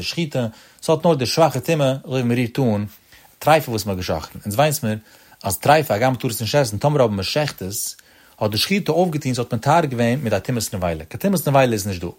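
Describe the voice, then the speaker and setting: Man teaching Talmud. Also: mid-range voice. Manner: sing-song study cadence, rising and dropping on each phrase. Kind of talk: Talmud study lecture.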